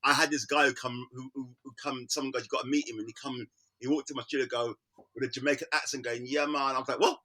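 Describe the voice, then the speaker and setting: A middle-aged man with a London accent, an artist chatting casually and telling animated stories, acting out the people he quotes. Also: mid-range voice, fast. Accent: London English. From Britain. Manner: animated storyteller, acts out quoted voices with laughter. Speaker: artist guest. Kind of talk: casual conversation.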